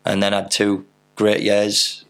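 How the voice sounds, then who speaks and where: A man in his thirties with a low, gravelly voice. He tells long, loose anecdotes in a casual interview, full of fillers and the odd swear word, and his delivery stays flat and even throughout. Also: a little slow. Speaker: podcast guest, footballer.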